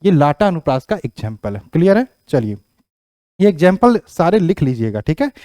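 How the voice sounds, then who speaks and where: A high-pitched man teaching a grammar lesson for an entrance exam. He repeats each rule several times and keeps asking the class whether it is clear. The sound is dry and close, with almost no room echo. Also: very animated, brisk. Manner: repeats key phrases, asks the class "clear?"; rises in pitch and loudness when explaining examples.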